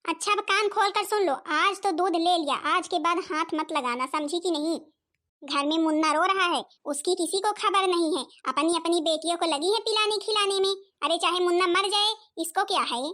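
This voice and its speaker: A woman's voice: very high voice, moderate pace, pushed and bright. A woman voicing a stingy, scolding older mother-in-law in a cartoon comedy, nagging constantly.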